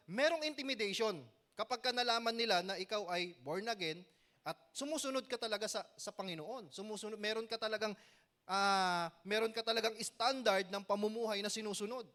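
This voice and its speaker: A young man preaching as a youth pastor, asking the crowd "Amen?" often and telling stories with joking asides. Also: high voice. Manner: animated storytelling with joking asides. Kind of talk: youth sermon.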